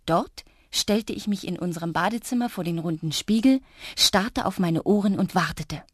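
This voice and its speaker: Expressive woman reading a children's story. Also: lowish voice, moderate pace, no room sound, clean studio sound. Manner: expressive, dropping often to a soft hush. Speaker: narrator. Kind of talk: children's audiobook narration.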